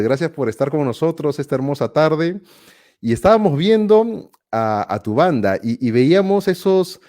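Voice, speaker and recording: Lively, mellow-voiced male interview host. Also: on the high side. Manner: enthusiastic, exclaims often. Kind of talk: live-stream interview.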